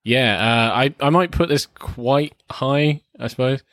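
A man's voice: medium pitch, unhurried, fairly bright tone, no echo, clean studio sound. A man co-hosting a casual film review chat, laid-back and hesitant, with many fillers. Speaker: film review podcast co-host.

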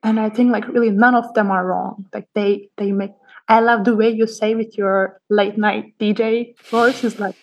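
A woman's voice: mid-range voice, steady tone, moderate pace, slight background noise, low-quality recording. A woman speaking as a podcast guest, telling her own experience in a candid, reflective chat with easy laughs. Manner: warm, candid, laughs easily.

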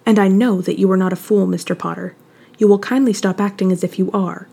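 A cold, sly schoolmaster, voiced by a woman reading aloud, speaks in a soft, purring menace. The voice stays mellow and husky, and the delivery runs flat and even. It has the feel of a quiet fan fiction audiobook reading. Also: mid-range voice, fairly quick. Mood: menacing.

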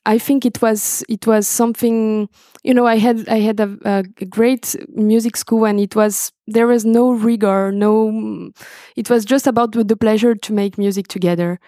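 A woman's voice: on the high side, steady tone, moderate pace, mellow, no echo, clean studio sound. A young woman from Brazil, speaking as a guest on a video call from home and stopping often to search for words. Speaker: guest musician. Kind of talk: interview conversation. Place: home, indoors.

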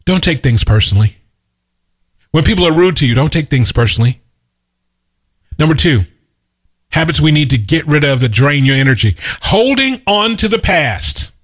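A middle-aged motivational speaker delivers an emphatic monologue, telling stories and driving his key points home through repetition. His voice is a little high with big pitch swings, moving at a moderate pace broken by long pauses.

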